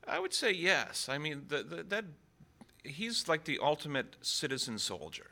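A man from Maine, an author being interviewed, talking in a relaxed and hesitant way with many fillers and restarts. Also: on the high side, moderate pace, creaky. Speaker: author, guest. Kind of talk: conversational interview.

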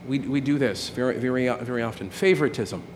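A man's voice: medium pitch, quick pace, slight background noise. Conversational male pastor preaching. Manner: conversational, repeats "right?" often, many restarts. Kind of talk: sermon.

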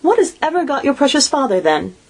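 A woman's voice: sits high, very animated, a little fast, pitched above the performer's own voice. A woman voicing a bustling, affectionate poor mother who fusses over her family, in a storybook reading. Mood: fussing. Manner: fussing, affectionate.

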